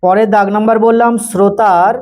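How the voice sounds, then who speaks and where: High-voiced man dictating a grammar lesson. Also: steady tone, darkish tone, rough recording. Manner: dictates slowly, repeating phrases, quizzing students. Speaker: tutor.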